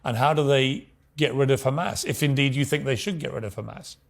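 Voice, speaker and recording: A man's voice: medium pitch, lively intonation, brisk, gravelly. A male TV interviewer asking direct, probing questions.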